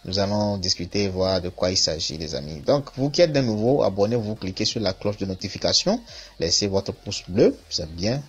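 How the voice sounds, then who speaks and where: A man giving a screen-recorded accounting software tutorial, repeating himself and checking in often with the listener. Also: sits low, animated, moderate pace, slightly rough. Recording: dull lo-fi voice-over with faint music.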